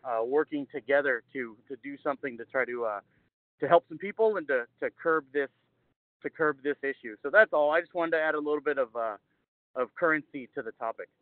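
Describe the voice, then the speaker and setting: A man's voice: mid-range voice, a little fast, dry recording. A man from a fire department, his voice muffled through a face mask, speaking hesitantly with many fillers during a public meeting call. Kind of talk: halting public comment on a call. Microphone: call-in or video call audio. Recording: tinny phone-like line, dry.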